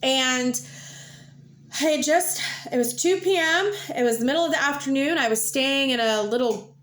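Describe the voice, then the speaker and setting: A woman's voice: high voice, moderate pace, fairly bright tone. Candid woman telling her recovery story. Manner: candid, blunt, emotional storytelling. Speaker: host.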